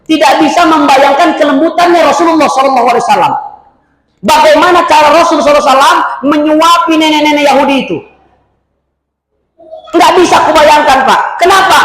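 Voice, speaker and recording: A male preacher, giving a humorous sermon with lively storytelling and emphatic shouting. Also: extremely high pitch. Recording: echoey hall with faint noise.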